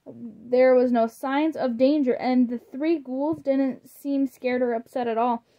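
A woman reading a children's storybook aloud in a gentle, deliberate way, with a few small slips. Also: high-pitched, steady tone, dull audio. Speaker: storybook reader.

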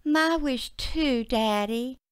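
A woman reading aloud, voicing a bookish, wary teenage country girl in a high, bright voice. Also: takes it slowly, clear, resonant tone, no echo, studio quality. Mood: earnest.

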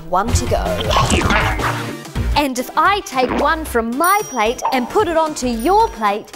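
An actress playing a vain, scheming young children's TV presenter with a theatrical, falsely sweet manner. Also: female voice, high voice, very animated, measured pace, loud music behind the voice. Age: young adult. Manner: sugary, exaggerated, theatrical. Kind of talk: children's TV parody sketch acting. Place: TV studio and backstage dressing room.

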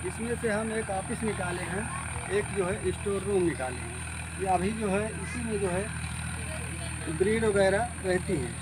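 A man's voice: sits high, a little slow. A man in his thirties showing visitors around his goat farm, explaining plainly and leaning on the same filler phrase over and over. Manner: plain, repeats filler "jo hai" often. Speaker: goat farmer giving a farm tour. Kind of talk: casual walking tour explanation. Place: outdoors on a rural farm among fields and brick sheds. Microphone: phone camera held by someone else, moving. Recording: loud outdoor noise with insects.

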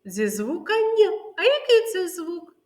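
A woman preschool teacher leading a literacy lesson for young children, sounding out words slowly and clearly and prompting the class to repeat after her. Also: very high voice, big pitch swings. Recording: roomy echoey room.

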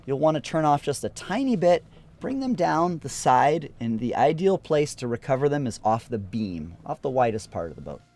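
With a very animated, darkish, medium-pitched voice at a moderate pace, a sailing instructor in his thirties leads an upbeat outdoor lesson on a sailboat. The talk is casual, practical and instructional.

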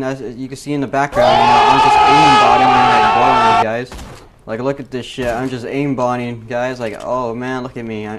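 Guy gamer rambling over gameplay, swearing, full of fillers, mid-pitched voice, faint background noise. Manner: rambling, profane, many fillers. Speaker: gaming YouTuber. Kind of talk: casual commentary over gameplay.

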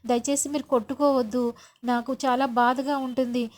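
Gentle tearful young woman, as a woman reads her. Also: high-pitched, little pitch movement, normal speed, close to an everyday voice. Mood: pleading. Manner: begging softly.

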